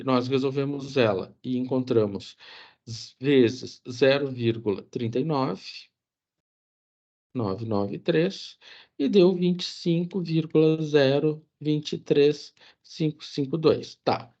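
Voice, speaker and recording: A man's voice: mid-range voice, slow pace, darkish tone. Man teaching over lo-fi audio. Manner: casual, many filler checks, self-correcting. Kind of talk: online lecture walking through code. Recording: dull lo-fi audio.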